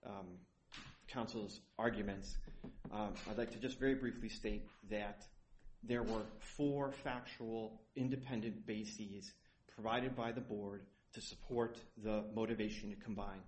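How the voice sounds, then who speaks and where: A man with a low, soft voice that trails off, arguing an appeal in a courtroom in a measured, methodical way. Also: a little hiss or hum. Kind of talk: courtroom oral argument. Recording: roomy courtroom recording.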